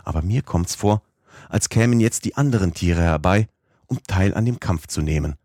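Deep-voiced male audiobook narrator. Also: lively intonation, warm tone, no echo, clean studio sound. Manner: measured, first-person storytelling. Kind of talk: scripted narration.

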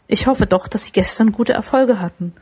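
A woman voicing an elderly man, a former miser now jolly and kind, talking in a cheerful, effusive and courteous way with a husky voice. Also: mid-range voice, moderate pace, a little mellow, lightly acted.

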